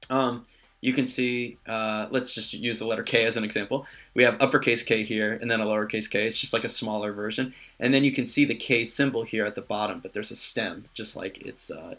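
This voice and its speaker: A man teaching a language lesson in a relaxed way, with many fillers and joking asides. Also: fairly low pitch, brisk, soft background music. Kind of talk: casual lesson.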